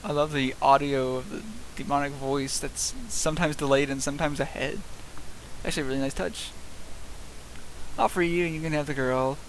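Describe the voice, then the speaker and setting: Gravelly man casually commenting on a game. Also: fairly high pitch, fairly even intonation, brisk. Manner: muttering to self, echoing game dialogue. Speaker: gamer playing and reacting. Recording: hissy background noise.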